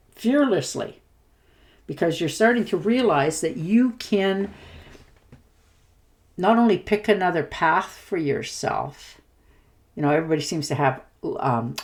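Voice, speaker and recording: A woman giving a casual tarot reading in a reassuring, chatty way, with many fillers. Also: on the low side. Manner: warm reassuring talk with fillers; hiccuping at times. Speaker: tarot reader.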